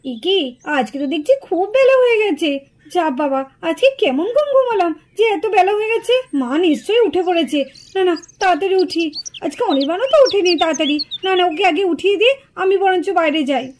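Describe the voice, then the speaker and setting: A woman's voice: very high-pitched, expressive, fast talker, a little mellow. A woman voicing a caring, bossy young housewife and mother in a puppet show, fussing over her family. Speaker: puppet show narrator and voice actor.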